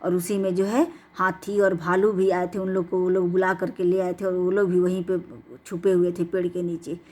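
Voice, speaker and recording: A woman's voice: lowish voice, little pitch movement, moderate pace, mellow. A woman narrating a bedtime story in a casual, chatty way, with restarts and explanatory asides.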